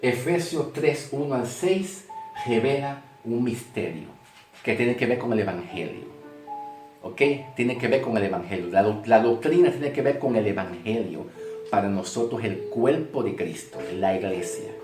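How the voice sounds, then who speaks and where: A man teaching from the Bible slowly, often repeating a point and checking in with "ok?". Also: fairly low pitch. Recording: echoey room with guitar music.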